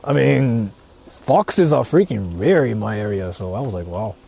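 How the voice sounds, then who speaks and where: A Japanese man, native in Japanese, livestreams while exploring the countryside on foot, chatting casually, thinking aloud, repeating himself and tossing out exclamations and casual swearing. His lowish voice is expressive and unhurried, dark and slightly rough with vocal fry. The noisy outdoor stream picks up passing vehicles and faint music.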